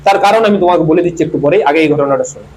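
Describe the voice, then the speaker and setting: A man's voice: a little high, very fast, a little mellow, rough recording. A man giving an informal history lesson to students, asking questions and answering them himself. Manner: asks questions and answers them himself, repeats key words. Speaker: teacher.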